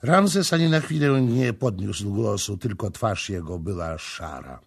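A man narrating a literary audiobook in a slow, deliberate storytelling manner. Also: lowish voice, animated, vocal fry, breathy edge.

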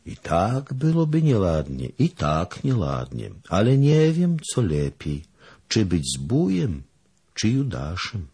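A man voicing a mild, scrupulous nobleman who speaks slowly and reproachfully. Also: on the low side, huge pitch swings, dark tone, slightly rough, voice pushed up, full character voice.

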